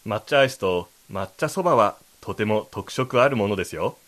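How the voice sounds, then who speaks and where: A man's voice: fairly low pitch, lively intonation, normal speed, fairly bright tone. A man co-hosting a language lesson, explaining and rephrasing lines in a polite, explanatory manner. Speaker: co-host.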